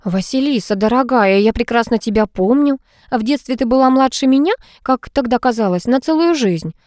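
A woman's voice: on the high side, expressive, a little mellow, no room sound, studio quality, pitched above the performer's own voice, lightly acted. Woman reading as a composed, lecturing older lady. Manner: measured, lecturing speech.

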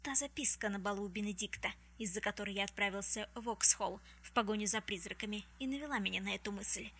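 Bitter hissing young guy, cruel and menacing, read by a woman in her own bright voice. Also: mid-range voice, fast talker, husky. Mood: menacing whisper. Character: cruel, bitter young man gripping his sister.

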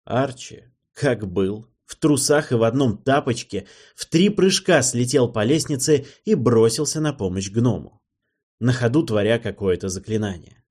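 A man narrating a fantasy audiobook in the first person with a lively, expressive reading. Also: medium pitch, moderate pace, breathy edge.

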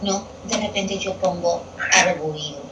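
A woman teaches grammar in a patient classroom manner, repeating each term so it sticks. Her voice sits a little low and sounds distant, caught in an echoey room. A television murmurs clearly in the background. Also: a little slow. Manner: patient, repeats key terms for students. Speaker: Spanish language teacher. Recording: echoey room picked up from afar with television noise.

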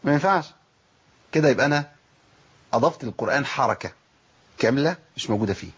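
Heard through a muffled recording, a man with a husky, medium-pitched voice teaches tajweed. He is a Quran recitation teacher with an Egyptian accent who moves quickly and energetically, questioning himself and demonstrating how letters sound.

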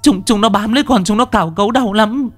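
A man's voice: sits high, animated, moderate pace, a little mellow, soft background music, voice pushed up. A man voicing a frightened young daughter-in-law who stammers and pleads. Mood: panicked.

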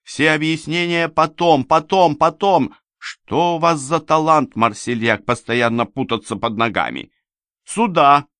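A man voicing a commanding, impatient young woman agent who barks brisk orders. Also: medium pitch, animated, sharp tone, no room sound, studio quality. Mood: urgent.

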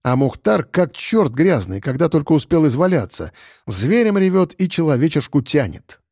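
A man's voice: on the high side, big pitch swings, moderate pace, a little mellow, slightly rough, no room sound, studio quality. A man giving wry, slangy first-person audiobook narration.

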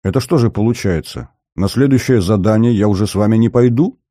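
A man's voice: lowish voice, fairly quick, warm tone, no room sound, clean studio sound, voice pushed up, natural voice. Injured young soldier, plaintive whine, groaning complaints, played by a man. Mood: whining.

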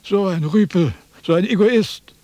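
An actor playing a vain, pompous philosopher in a 1970s radio drama, lecturing and easily indignant. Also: male voice, high voice, a little slow, warm tone, no room sound. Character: vain, pompous old male Chinese philosopher.

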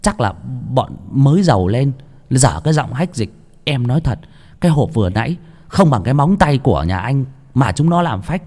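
A man's voice: medium pitch, sing-song, normal speed, darkish tone, voice pushed up. A man doing a blunt coarse young sidekick. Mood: grumbling.

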